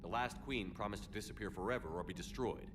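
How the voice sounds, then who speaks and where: An actor playing a steady, dutiful military starship commander in a video game, brisk and matter-of-fact. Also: male voice, fairly low pitch, natural voice. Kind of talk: video game character acting. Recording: noisy game audio capture.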